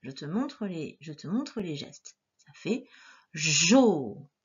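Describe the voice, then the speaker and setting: A woman teacher giving a dictation lesson to young children, sounding out each syllable slowly and clearly. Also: fairly low pitch, big pitch swings, dark tone, muffled recording. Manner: slow, clearly articulated syllables with gestures.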